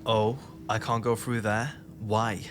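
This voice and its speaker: A man's voice: lowish voice, level tone, slow pace. Chatty, wry man playing a game. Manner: chatty, wry, muttering asides. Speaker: gaming video host. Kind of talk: casual let's-play commentary. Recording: game audio with noise behind.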